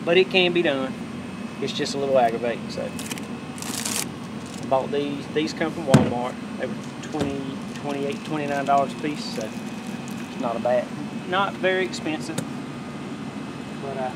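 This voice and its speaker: In a backyard, a middle-aged man rambles through a casual show-and-tell of his upgraded boat, folksy and often self-correcting. He speaks mid-range at normal speed with long pauses, and the outdoor camera audio has loud background noise.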